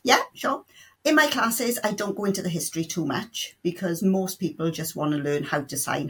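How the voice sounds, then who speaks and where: With a lowish, slightly bright voice and a breathy edge, this South Welsh woman, middle-aged and from South Wales, tutors sign language. In an interview she answers in a chatty way, restarting often and adding playful asides.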